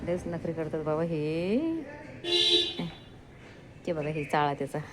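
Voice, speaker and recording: A woman's voice: low-pitched, sing-song, takes it slowly, noisy background. A middle-aged woman at home chatting to viewers about her pets and scolding her cat in sing-song baby talk. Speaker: pet vlogger. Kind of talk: casual pet vlog chat. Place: home, indoors.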